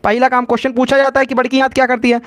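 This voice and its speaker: Male science teacher a very high voice and a lilt, live lesson, drills each point in call-and-response. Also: flat delivery, racing, fairly bright tone. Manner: repetitive call-and-response teaching, answering his own questions.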